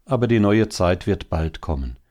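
The mood is somber as a man reads a storybook hare, a male character who comforts with low, deep calm at normal speed. His dark, mellow tone is soothing, but his wry, gloomy words carry a quiet bitterness in this sober tale.

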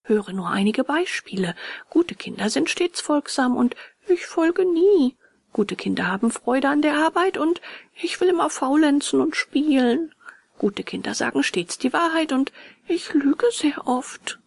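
A woman voicing a gentle, wise, motherly fairy in a storybook reading, slow and softly whispered. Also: sits high, lively intonation, vocal fry, dry recording, studio quality, voice pushed up, full character voice. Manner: slow, soft, often whispered.

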